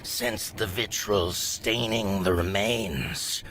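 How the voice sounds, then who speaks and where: A mysterious skull totem from a dark video game. The voice is very low and forceful, delivering solemn, ominous commands at a slow, measured pace. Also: male voice, a little hiss or hum, rough recording. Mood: ominous, commanding. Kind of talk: video game character acting.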